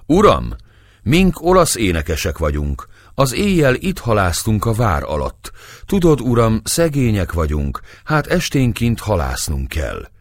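A man's voice: lowish voice, huge pitch swings, no echo, clean studio sound, voice pushed up. A man reading aloud and voicing a clever young man who speaks humbly and persuasively. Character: clever young Hungarian man posing as a singer.

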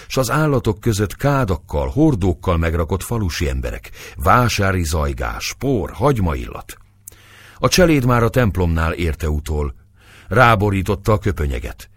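A man narrating an audiobook in an expressive, dramatic way. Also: low-pitched, husky, dry recording.

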